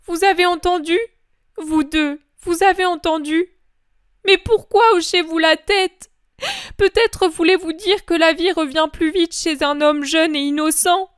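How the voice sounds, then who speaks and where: A woman's voice: very high voice, steady tone, unhurried, dry recording, clean studio sound, pitched above the performer's own voice. A woman voicing the grieving mother of Jesus, imploring and sobbing in a breaking voice, in a dramatic religious reading. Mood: pleading.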